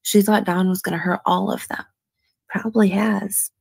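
A woman's voice: mid-range voice, fairly even intonation, moderate pace, creaky, slightly rough, dry recording. A woman commenting on a true crime case, reading out a call and hedging her views with "in my opinion.". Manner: hedging, often adds "in my opinion".

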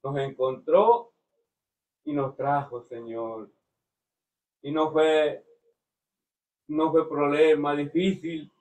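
A man's voice: on the high side, darkish tone, distant mic, muffled recording. A man giving a fervent devotional testimony, often breaking in with praise to the Lord. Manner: fervent, slow, frequent "Señor" interjections. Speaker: church member giving testimony.

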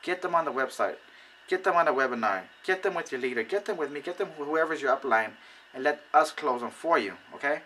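A man giving casual how-to advice on recruiting people, animated and acting out conversations. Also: on the high side, a little fast, slight background noise, low-quality recording. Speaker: network marketing recruiter. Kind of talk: casual how-to video talk.

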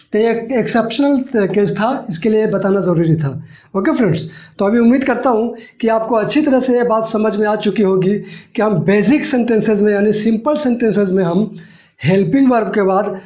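A man's voice: high voice, moderate pace, warm tone, echoey room. A man teaching a spoken-English lesson in Hindi, explaining patiently and repeating examples, with frequent "okay friends". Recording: dull lo-fi recording.

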